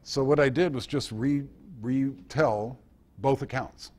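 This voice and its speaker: At an indoor club meeting, an American guest speaker and author gives an informal talk and takes questions. His medium-pitched, darkish voice is hesitant and thoughtful, with long pauses as he shares anecdotes.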